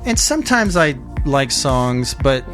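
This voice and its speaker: A man's voice: mid-range voice, sing-song, a little slow. A middle-aged man hosting a casual podcast chat as a guitar teacher, candid and opinionated, talking loosely with fillers.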